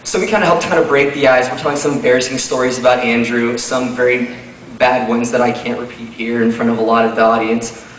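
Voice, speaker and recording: A man's voice: mid-range voice, steady tone, fairly quick, a bit bright. Echoey man giving a wedding toast. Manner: conversational, teasing, informal. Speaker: wedding speaker, friend of the groom. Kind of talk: wedding toast, comic storytelling to guests. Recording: echoey room, far from mic, noisy.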